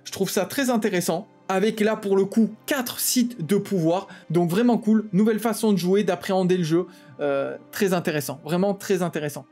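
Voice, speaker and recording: A man hosting a tabletop game channel, explaining rules in a quick, casual way with lots of fillers and restarts. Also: high-pitched, a little mellow, soft background music. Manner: talks fast, with many "euh" fillers and restarts.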